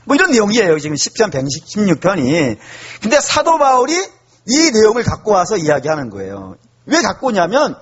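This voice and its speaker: A male pastor preaching a sermon, animated and asking the congregation questions. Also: sits high, slightly rough, lo-fi sound. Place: church.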